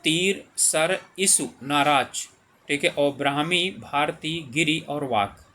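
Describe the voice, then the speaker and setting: A man's voice: fairly high pitch, takes it slowly, sharp tone, a little hiss or hum. A man explaining exam answers as a teacher, reading out the questions and options with frequent fillers. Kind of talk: exam paper solution lesson.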